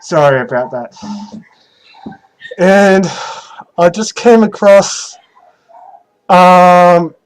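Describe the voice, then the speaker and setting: A young man answering questions in casual, unscripted talk, halting and hesitant, often pausing mid-sentence. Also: high voice, animated, smooth, rough recording. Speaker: vlogger answering viewer questions.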